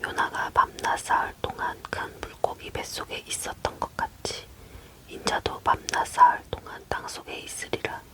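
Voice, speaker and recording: A person leaning in to whisper a Bible reading in a breathy, unvoiced ASMR voice, close to the microphone. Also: normal speed. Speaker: Bible reader.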